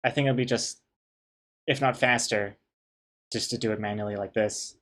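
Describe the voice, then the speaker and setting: A comic artist chats casually on a livestream while drawing, rambling, playful and easily amused. His mid-range voice is steady, a bit bright and at normal speed. He can't pronounce R properly, saying it like a W.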